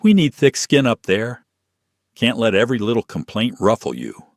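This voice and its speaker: A man voicing a smug male flight crew chief whose polished charm turns to quiet threat, in an audio story. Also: medium pitch, very animated, moderate pace, gravelly, dry recording, studio quality, pitched above the performer's own voice. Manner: falsely charming, hardening to threat.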